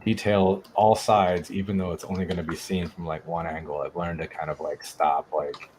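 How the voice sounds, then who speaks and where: A man with a low, deep voice talks casually as co-host, stopping and restarting, leaning on fillers. Faint noise hums underneath. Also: level tone. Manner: halting, restarts, heavy use of "like". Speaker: podcast co-host. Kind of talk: casual chat.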